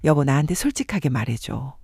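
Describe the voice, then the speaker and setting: A man voicing a remorseful elderly husband around seventy, with plain, halting speech. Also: mid-range voice, very animated, gravelly, a little mellow, slightly rough, no room sound, studio quality, full character voice.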